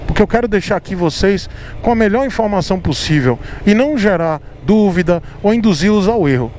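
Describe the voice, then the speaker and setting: High-voiced man vlogging from a motorcycle. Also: expressive, a little fast. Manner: repetitive, explanatory, addresses viewers directly. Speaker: motovlogger. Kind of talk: casual motovlog talk while riding. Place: riding a motorcycle in city traffic. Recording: loud street and engine noise. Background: traffic and engine noise.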